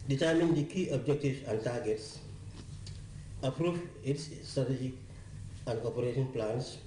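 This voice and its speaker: A man with a Gambian accent, a council chairman, making a halting statement. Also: mid-range voice, dark tone, roomy sound, recorded from a distance, slight background noise, rough recording. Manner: halting, with restarts. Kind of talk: spoken statement to reporters.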